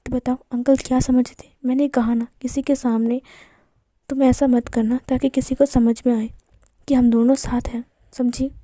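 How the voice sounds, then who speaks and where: A soft-spoken young man from a storybook coaxes and teases with quiet warmth, as a woman acts him out. The voice sits high and mellow. The recording is dry and close. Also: little pitch movement, normal speed, dry recording, lightly acted. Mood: teasing. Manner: teasing, coaxing, soft. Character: teasing calm young man, gentle lover.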